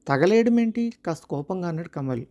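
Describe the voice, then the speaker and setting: A storyteller reads a short family story in a steady, unhurried way. The delivery stays mid-pitched and even throughout. Each line is read as plain scripted narration.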